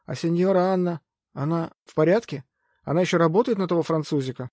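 A cheeky, scrappy street lad with a hoarse, jittery voice, pitched well above a grown man's, as a male narrator puts him on. He sounds young and eager in an audiobook reading. The recording is dry and close, with no room around it. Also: quick pace, darkish tone, no room sound, close to an everyday voice. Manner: hoarse, nervous boyish chatter. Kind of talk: audiobook character voice.

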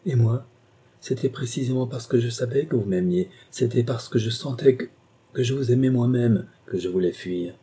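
Male reader doing an anguished young governess in love, husky, raised pitch, audiobook. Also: moderate pace, dark tone, close to an everyday voice. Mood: impassioned. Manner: impassioned, pleading. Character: passionate young woman governess torn by love. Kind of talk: audiobook dialogue reading.

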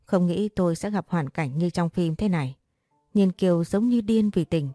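Woman narrating a story, low mellow voice. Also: moderate pace, no room sound, studio quality, faint music behind. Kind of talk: first-person story narration.

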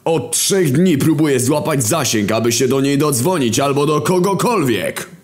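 War, a man doing a loud swearing god of war. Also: fairly high pitch, animated, moderate pace, faint music behind, voice pushed up, lightly acted. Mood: exasperated. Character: War, crude shouting male god of war.

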